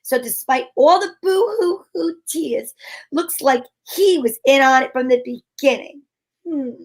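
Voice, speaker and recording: In an old-time radio drama, a woman plays a sharp, wisecracking private detective, tossing off breezy slang in a high, unhurried voice. She sounds wry as she explains things.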